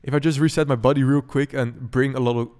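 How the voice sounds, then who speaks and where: A man giving relaxed, casual gameplay commentary. His voice is smooth and clear at a middle pitch, and he talks in an easygoing, repetitive way. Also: quick pace. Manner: relaxed, easygoing, repeats himself. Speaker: gaming channel host.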